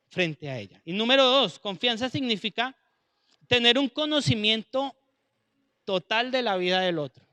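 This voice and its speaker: Male preacher, very high and bright voice, chatty Bible teacher. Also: dry recording. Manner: conversational, acts out dialogue.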